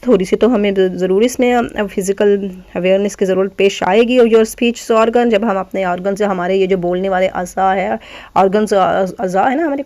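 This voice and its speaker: A woman teacher gives a phonetics lesson, reading English lines slowly and deliberately before explaining them in quick conversational asides. Her voice is medium-pitched and a little mellow. She demonstrates sounds aloud and addresses listeners as "janab."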